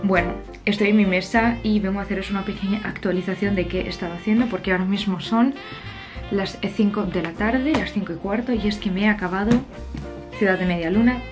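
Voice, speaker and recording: Young woman vlogging from her bedroom, bit husky from a cold, chatty and joking, soft music under her. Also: mid-range voice. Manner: chatty, self-mocking, upbeat. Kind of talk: casual vlog chat to camera. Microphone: camera at arm's length or on the desk.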